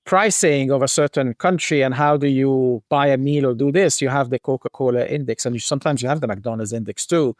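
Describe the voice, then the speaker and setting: A man's voice: mid-range voice, fairly quick, hardly any pauses, no echo. A middle-aged man originally from Egypt speaks as a podcast guest in a mid-range voice. He thinks aloud in a reflective way and circles back with restarts and fillers. The sound is dry and close, with no room around it. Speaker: guest, global brand marketing executive. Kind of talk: conversational podcast interview.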